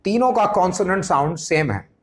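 Man, english teacher, fairly high voice, slow deliberate explaining. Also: expressive, a bit bright. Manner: slows down and stretches words when explaining English terms. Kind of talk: explanatory lesson.

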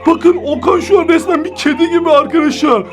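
A young man in a comedy skit narrating to viewers in an excitable, shouting, breathless way. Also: very high voice, fairly quick, over music. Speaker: co-host. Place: indoors at home.

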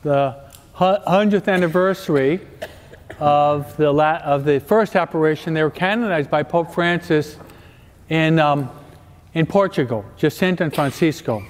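This priest's voice sits a little high, and he takes his time. Giving a parish talk in a large church whose long reverb fills the recording, he jokes between points of teaching and repeatedly asks the audience questions.

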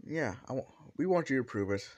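A man's voice: mid-range voice, lively intonation, a little fast, a little mellow, no room sound, natural voice. A man voicing a skeptical group of young friends, sounding doubtful and teasing while he tells a fan story.

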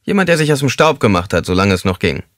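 A man's voice: fairly low pitch, very animated, fast talker, dry recording, clean studio sound. A man playing a hardened career criminal. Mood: cynical. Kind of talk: audiobook character voice.

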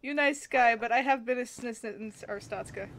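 A woman's voice: on the high side, moderate pace, heavy background noise, close to an everyday voice. A woman voicing a cheerful, pushy male traveler who speaks in broken English, in a game playthrough. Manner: broken English, upbeat and chummy.

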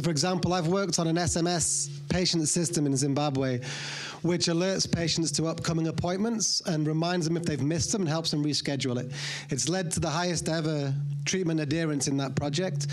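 A man asking an organized question from the audience at a conference. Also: fairly high pitch. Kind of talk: question from the floor. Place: conference hall.

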